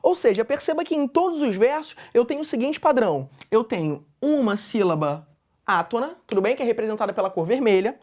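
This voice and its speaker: A woman's voice: fairly high pitch, big pitch swings, a little mellow. A woman teacher from Brazil giving a recorded literature lesson, explaining step by step and checking in with short tag questions. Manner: recites verse slowly with marked stress. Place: school classroom studio at a board.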